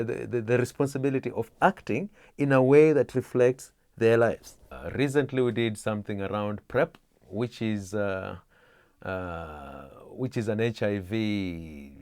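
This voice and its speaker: A middle-aged man from Kenya, explaining his theatre work in an interview, measured with many pauses and restarts. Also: on the low side, gravelly, a little mellow, no echo.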